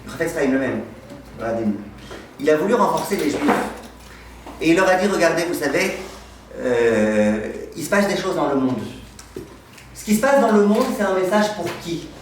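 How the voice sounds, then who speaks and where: Animated rabbi in an echoey room. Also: male voice, fairly high pitch, moderate pace, long pauses, slight background noise. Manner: asks the class questions and answers them, tells anecdotes. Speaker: rabbi teaching a class. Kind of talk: lively Torah lesson with humor. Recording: echoey room, mic far off.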